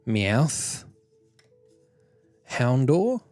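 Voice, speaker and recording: A man's voice: mid-range voice, very animated, extremely slow, darkish tone, no room sound, soft background music. A man streaming, chatting casually and laughing often as he opens card packs and reads chat aloud.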